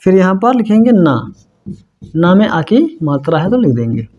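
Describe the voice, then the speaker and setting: A middle-aged man teaching a language lesson slowly and patiently, repeating each step and checking that the learners understood. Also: high-pitched, sing-song, warm tone, lo-fi sound. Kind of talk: slow blackboard-style language lesson.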